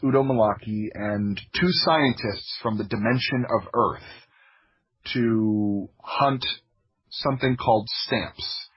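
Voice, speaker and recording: With a lowish, husky voice, an audio drama creator from Florida in the United States chats as a podcast guest, telling stories casually and interrupting himself, often with "like." The highs in the recording are cut off.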